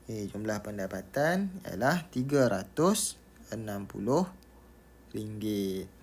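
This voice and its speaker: A man's voice: on the low side, animated, slow pace, darkish tone, slightly rough. A man with a Malaysian Malay accent, a teacher patiently talking students through a maths lesson step by step, repeating key words.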